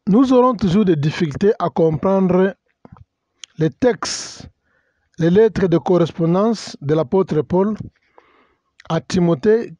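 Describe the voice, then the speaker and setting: In a muffled recording without echo, a male pastor with a mellow voice on the high side gives a teaching sermon. His first languages are English and French, and he speaks hesitantly with many fillers and self-corrections, spelling out words and weaving in English terms.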